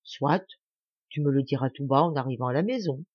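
A woman's voice: very deep voice, a little fast, slightly rough, no room sound, muffled recording. A woman voicing a kindly, pompous village mayor who talks with solemn gravity. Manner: solemn, benevolent.

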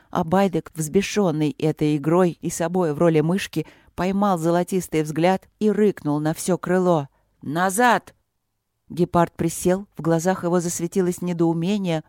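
Mellow, dry audiobook narrator. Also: mid-range voice, no room sound. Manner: measured storytelling reading. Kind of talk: scripted narration.

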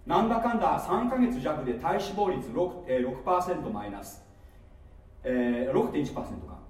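A man preaching a sermon, playful and animated, with asides and laughter, recorded from a distance in a church hall. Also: fairly high pitch, fairly quick. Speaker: pastor. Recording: echoey hall from far off with faint noise.

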